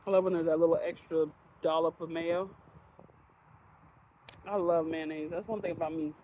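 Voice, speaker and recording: A woman's voice: low voice, steady tone, normal speed, narrow, tinny audio, a little hiss or hum. Frank, profane woman chatting while eating. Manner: frank, profane and laughing rant. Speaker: vlogger. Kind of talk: casual chat to camera while eating.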